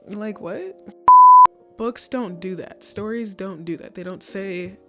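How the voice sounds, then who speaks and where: A woman's voice: mid-range voice, unhurried, a little mellow, faint music behind. A young woman casually giving college essay advice, chatty and full of "like"s and restarts. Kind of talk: casual advice talk to camera.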